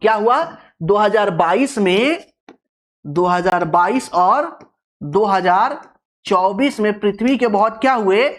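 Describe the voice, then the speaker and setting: A teacher at a middle pitch lecturing for exam preparation. Key terms are repeated and drawn out syllable by syllable. Questions are put to the class and answered right away. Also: lively intonation, takes it slowly. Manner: stretches out terms syllable by syllable for emphasis. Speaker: geography teacher.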